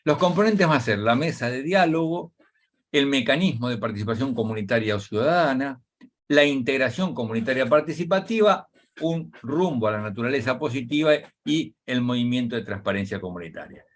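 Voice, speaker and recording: A man with an Argentine Spanish accent explaining ideas in a webinar talk over a video call, pausing with fillers. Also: mid-range voice. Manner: lively, animated delivery with pauses and fillers. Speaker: webinar speaker on community dialogue.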